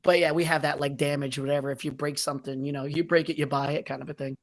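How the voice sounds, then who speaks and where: A man's voice: fairly high pitch, little pitch movement, fast talker. Podcast guest, man, easygoing, rambly, jokey. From New Jersey. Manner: rambling, playful exaggeration. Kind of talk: casual chat.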